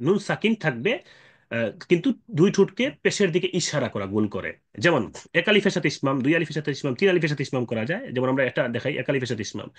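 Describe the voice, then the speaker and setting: Man patiently teaching Quran recitation. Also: fairly high pitch. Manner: explains patiently with frequent fillers and checking questions; slow drawn-out chanted Quranic recitation examples. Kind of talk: explanatory tajweed lesson.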